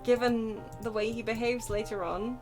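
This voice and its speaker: Woman streamer, slightly high voice, playful, casual game commentary, faint music. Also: steady tone, normal speed. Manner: playful, jokey. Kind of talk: casual chat and commentary while gaming.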